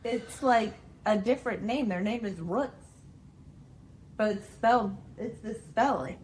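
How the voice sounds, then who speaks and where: A woman's voice: a little high, a little slow, darkish tone, slight background noise, rough recording. A young woman in her twenties co-hosting a podcast, chatting casually, laughing often and patiently explaining things. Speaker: podcast co-host. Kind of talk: casual chat.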